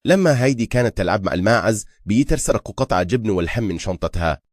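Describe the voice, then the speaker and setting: Deep, fast-talking male recap narrator. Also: expressive, darkish tone, no room sound, clean studio sound. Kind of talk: scripted film recap narration.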